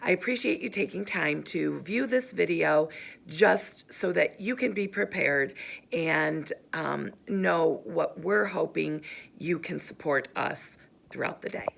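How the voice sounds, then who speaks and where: A woman teacher with a low, gravelly voice talks parents through the plan in a slow, measured way. She sounds middle-aged and speaks carefully, pausing between phrases like someone giving clear instructions. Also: slight background noise. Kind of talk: recorded briefing for parent volunteers.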